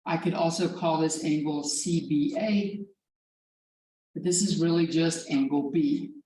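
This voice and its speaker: A low-voiced woman teaches a math class at an easy, slow pace. Her delivery is casual and wandering, with offhand swearing. She sounds distant and roomy, caught by a mic far off in a classroom with faint background hum. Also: steady tone, warm tone. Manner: casual, digressive, swears freely. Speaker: math professor. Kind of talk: classroom lecture. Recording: echoey classroom recorded from far off.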